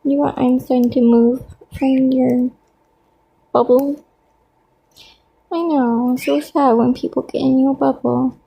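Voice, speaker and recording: A woman coos at her pet birds in a sing-song baby-talk voice. Her tone is high and soft, with a very breathy, husky quality and a gravelly edge. She speaks slowly and warmly. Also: steady tone, muffled recording. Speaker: pet bird owner. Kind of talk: cooing pet-talk vlog.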